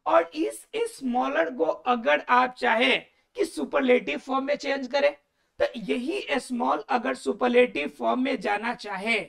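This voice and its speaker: A woman's voice: high voice, steady tone, a little slow, creaky. A woman teaching an English grammar lesson, explaining step by step. She keeps asking and answering her own questions and repeats the key words.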